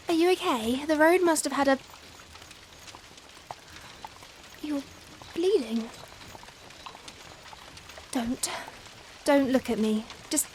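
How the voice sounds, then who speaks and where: This soft-spoken ASMR roleplay features a woman as a genteel young Victorian vampire, speaking in old-fashioned, formal phrases broken by hesitant pauses. Her voice sits high and turns breathy when hushed, and she sounds alarmed and strained. Rain can be faintly heard behind her throughout the monologue.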